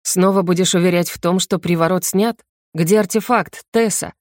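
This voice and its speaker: A woman's voice: fairly low pitch, moderate pace, darkish tone, no room sound, studio quality, close to an everyday voice. A woman reading an audiobook and voicing a jealous, desperate young male mage in her own voice, tense and pressing.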